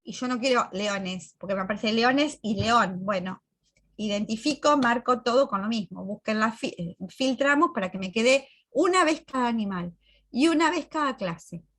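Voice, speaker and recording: Woman teacher, on a computer mic, fairly high voice, explains patiently and keeps asking if the class follows. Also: lively intonation, normal speed, fairly bright tone. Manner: explains step by step, checks in with students. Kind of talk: recorded class walkthrough.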